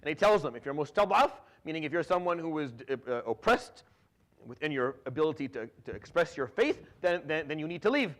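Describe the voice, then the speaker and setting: An imam in his thirties who grew up in Syria gives a relaxed Quran commentary at a brisk clip, his voice slightly high. He talks conversationally, restarting phrases and repeating words often, slipping Arabic fillers between English sentences and reciting Quranic verses quickly.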